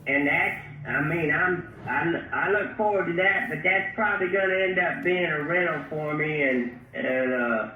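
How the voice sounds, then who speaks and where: A man, talking casually over a phone on speaker, halting with many pauses and restarts. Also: fairly high pitch, sharp tone, distant mic, slight background noise. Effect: heard over a phone on speaker. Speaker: customer on a phone call. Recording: tinny speakerphone from across an echoey room.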